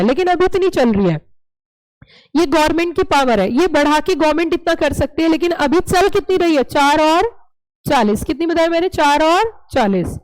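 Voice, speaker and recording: In a live classroom lecture, a woman with a very high voice teaches playfully and with plenty of animation. She keeps quizzing her students with repeated questions. The audio quality is poor.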